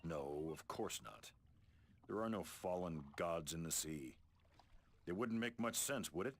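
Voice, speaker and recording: An actor playing a sardonic, exasperated merchant sailor in a video game, grumbling and mocking. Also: male voice, low voice, animated, measured pace, full character voice. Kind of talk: video game character acting.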